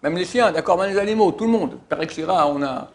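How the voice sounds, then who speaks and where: Rabbi translating prayer slowly. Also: male voice, high-pitched, a little hiss or hum. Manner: translates Hebrew phrase by phrase, stressing key words. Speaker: rabbi teaching prayer laws. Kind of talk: religious lesson, line-by-line translation.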